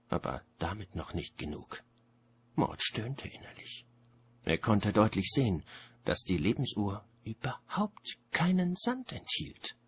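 A man narrating a story in a measured storytelling manner. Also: low-pitched, a bit bright, breathy edge. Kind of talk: audiobook narration.

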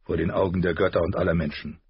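A man's voice: sits low, steady tone, husky, no room sound, lo-fi sound, exaggerated voice. A man voicing a stern, reserved lord who speaks coolly and with restraint. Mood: restrained. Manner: cool, measured, restrained.

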